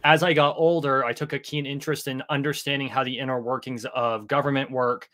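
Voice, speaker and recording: A man in his thirties from Vermont speaks as an interview guest over a headset on a video call. His voice is mid-pitched, and he explains his background in a measured, articulate way from his home office. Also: level tone, fairly bright tone. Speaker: guest, political candidate. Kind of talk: conversational interview.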